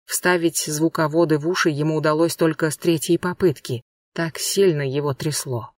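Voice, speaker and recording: A man reading an audiobook in a scripted, measured narration. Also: on the high side, steady tone, dry recording, far from the mic.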